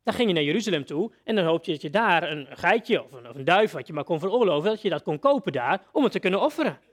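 A man's voice: high-pitched, big pitch swings, fast talker. A man preacher giving a sermon, telling a story vividly and addressing his listeners directly.

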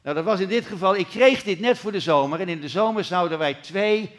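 Lively storytelling preacher, man. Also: high-pitched, brisk. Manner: retells scripture in a lively storytelling way, with sudden loud bursts. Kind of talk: sermon.

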